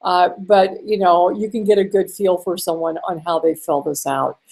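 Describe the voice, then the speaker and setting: Slightly hoarse woman giving a tutorial. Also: on the low side, steady tone, moderate pace, a little mellow. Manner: chatty, with fillers and small laughs. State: slightly hoarse, clearing her throat. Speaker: online marketing instructor. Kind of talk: casual screen-share tutorial.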